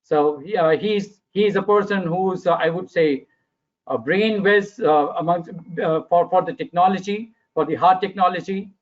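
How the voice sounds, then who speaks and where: Indian man with a fairly high voice. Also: moderate pace. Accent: Indian English. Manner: formal, hesitant with many uhs. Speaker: regional marketing director and webinar moderator. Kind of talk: formal introduction of speakers. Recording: dull lo-fi webinar audio.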